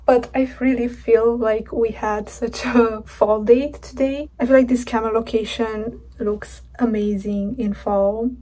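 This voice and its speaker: A woman's voice: fairly high pitch, fairly even intonation, unhurried, few pauses, dark tone. A woman vlogging in a casual, chatty way, gushing and rambling with fillers as she talks through her day. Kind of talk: casual vlog chat. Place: city streets, cafes and home. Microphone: phone camera. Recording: noisy street ambience with traffic. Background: street noise and vehicles.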